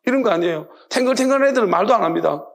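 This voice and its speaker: A man's voice: high-pitched, expressive, rapid-fire, creaky. A male pastor with a Gyeongsang accent preaching a sermon, firing off rhetorical questions with emphasis.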